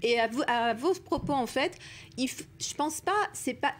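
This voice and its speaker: High-voiced emphatic woman panelist. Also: slight background noise. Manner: emphatic, rapid, with many restarts. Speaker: panel guest. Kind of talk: TV news debate.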